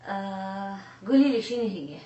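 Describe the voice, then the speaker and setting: A woman's voice: medium pitch, animated, normal speed, warm tone, muffled recording. A middle-aged Iraqi mother with an Iraqi Arabic accent, playfully quizzing her daughter in casual chat. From Iraq. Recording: echoey room, distant mic, faint noise.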